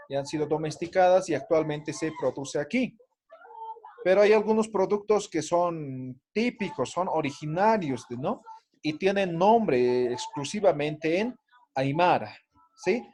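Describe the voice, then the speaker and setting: Male language teacher, explanatory, fairly high pitch. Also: a little mellow. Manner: explanatory, frequent tag questions. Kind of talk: online language class.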